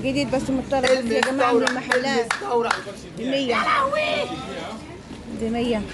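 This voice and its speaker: A woman's voice: sits high, flat delivery, moderate pace. An Egyptian woman vlogging casually through a market, asking vendors prices like a haggling shopper and repeating them to her viewers. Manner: asks vendors prices, haggling-style chat in an Arabic market. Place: crowded outdoor street market. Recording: loud busy street market crowd.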